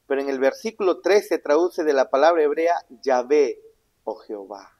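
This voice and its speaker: A man preaching a sermon, asking the congregation questions and answering them himself, swinging between loud emphatic lines and low hushed asides. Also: expressive, normal speed. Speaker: pastor. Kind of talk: sermon Bible teaching.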